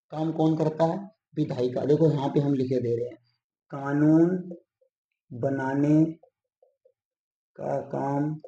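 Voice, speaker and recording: A man teaching a class, asking himself questions and answering them, and slowly spelling out key terms. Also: a little high, warm tone. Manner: drills by asking and answering his own questions. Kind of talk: whiteboard lesson. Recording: echoey room, dull lo-fi sound.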